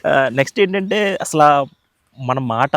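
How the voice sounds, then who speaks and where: A man interviewing a guest, with a Godavari Telugu accent, warm and full of praise, calling him sir often. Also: on the high side, lively intonation, measured pace, dry recording. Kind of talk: casual interview questions.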